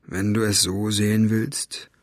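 A man's voice: fairly low pitch, flat delivery, a little slow, no room sound, studio quality. A man playing a tense, reticent father who answers curtly and firmly.

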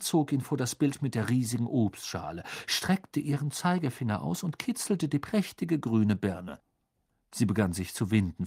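A man narrating a children's fantasy audiobook with expressive, lively storytelling. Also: medium pitch, creaky, husky.

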